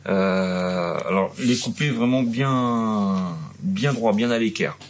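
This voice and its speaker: Slowly and with many hesitations, a forties-aged man from France demonstrates a repair step by step in a large workshop, saying "euh" often and restarting his sentences. His voice is fairly low, and the recording carries a little hiss or hum. The tone is casual, like an informal how-to.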